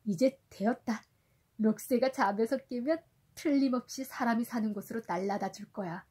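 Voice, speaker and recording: A woman voicing a bold, excitable male sailor adventurer, dramatic and exclamatory, while reading a storybook to a toddler. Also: on the high side, moderate pace, slight background noise, close to an everyday voice. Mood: determined.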